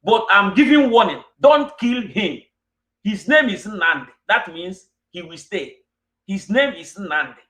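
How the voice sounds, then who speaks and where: Speaking in an extremely high, fairly bright voice, a self-styled king with a Nigerian Igbo English accent angrily berates his followers in a fiery monologue. The room around him echoes.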